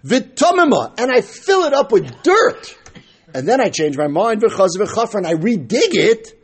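High-pitched, animated man. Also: normal speed, husky. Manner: argumentative, asking questions and answering them himself. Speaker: Talmud teacher. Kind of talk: spoken text lesson, reading a phrase then explaining it.

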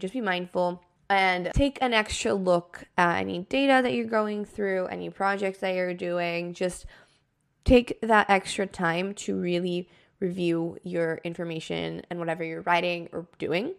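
A woman's voice: lowish voice, steady tone, normal speed, gravelly, clear, resonant tone. A woman podcast host explaining things in a casual, conversational and reassuring way, with frequent filler words like "like" and "kind of".

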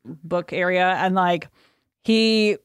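A woman's voice: lowish voice, takes it slowly, clean tone, no room sound, studio quality. A young woman co-hosting a casual podcast, recapping a movie in a giggly, rambling way full of "like". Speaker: co-host.

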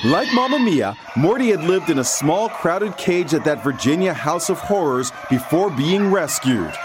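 Animated high-pitched male tabloid TV narrator. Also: moderate pace. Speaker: tabloid TV reporter. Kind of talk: scripted tabloid TV feature narration. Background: music bed.

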